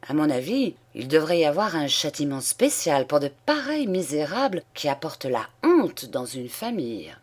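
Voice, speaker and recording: A woman's voice: low voice, sing-song, moderate pace, few pauses. A woman voicing a prim middle-aged wife who passes judgment in a grave, stern tone.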